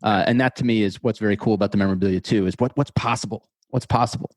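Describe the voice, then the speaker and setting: A man's voice: lowish voice, rapid-fire, no room sound. A man in his thirties from the United States, a podcast guest talking in a casual interview, thoughtful and often repeating words as he thinks. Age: 30s.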